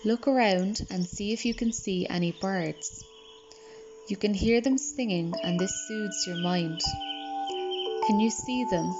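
Woman, meditation guide, very slow, soft soothing delivery, clear music behind. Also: mid-range voice. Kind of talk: guided relaxation script. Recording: slightly dull recording. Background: calm music and birdsong.

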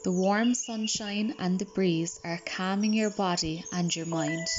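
A woman reading a guided relaxation script in a soft, soothing manner. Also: fairly low pitch, a little slow, background noise. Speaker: meditation guide. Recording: slightly dull recording. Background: calm music and birdsong.

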